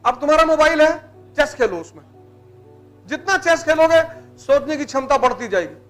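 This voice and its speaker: A man's voice: very high voice, lively intonation, moderate pace, a bit bright, soft background music. A man giving a blunt, teasing motivational lecture to students in colloquial speech. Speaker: motivational teacher.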